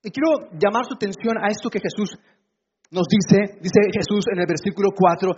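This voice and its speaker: A man preaching to a congregation in a notably high voice, chatty and playful, asking them questions and teasing them. The recording sounds a little dull and carries a faint hiss behind him. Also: normal speed, a little mellow. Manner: conversational, asks the congregation questions, playful humor. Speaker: pastor. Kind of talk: sermon. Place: church before a congregation.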